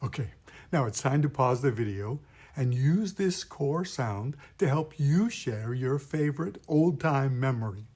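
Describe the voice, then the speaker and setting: Slow, patient man teaching. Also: mid-range voice, expressive, a little mellow, husky. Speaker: pastor teaching puppetry. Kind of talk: instructional video lesson.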